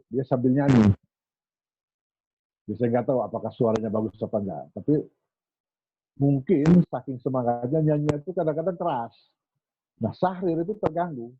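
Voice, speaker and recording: A man telling history in a relaxed, anecdotal way, acting out remarks he quotes. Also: mid-range voice, slightly rough, no echo. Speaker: speaker on history. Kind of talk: storytelling history talk. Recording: tinny phone-like recording.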